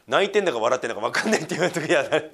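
A man preaching a sermon as pastor, talking conversationally with questions to his listeners and swinging from emphatic lines to hushed, near-whispered asides. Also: a little high, animated, very fast.

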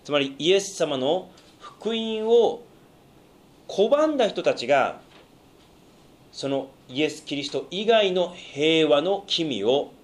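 Animated man teaching a Bible sermon. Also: on the high side. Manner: explanatory, asks the listeners questions, hesitant fillers.

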